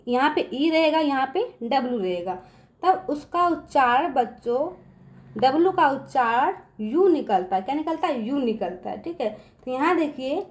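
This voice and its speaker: A woman with a high voice and darkish tone teaches an English phonics lesson in a patient, classroom style, explaining the rules. She often checks that the children are following, and she slows down and stretches the sounds as she spells words letter by letter.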